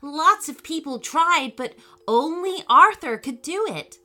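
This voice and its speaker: A woman voicing an eager, excitable young boy who speaks in quick, excited questions. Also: high-pitched, voice pushed up, exaggerated voice.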